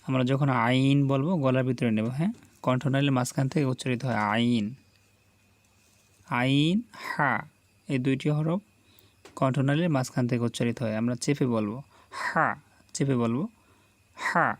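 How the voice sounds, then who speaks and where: A man's voice: mid-range voice, fairly even intonation, darkish tone, no echo. A man teaching Quran reading, sounding out letters one at a time and patiently urging the viewer to repeat each one after him. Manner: patient, deliberate, coaxing learners to repeat aloud. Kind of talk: slow call-and-repeat letter drill.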